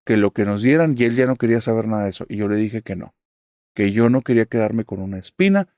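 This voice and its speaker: A man reads a listener's horror story in the first person, in an even, steady storytelling voice. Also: lowish voice, dry recording, studio quality. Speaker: narrator.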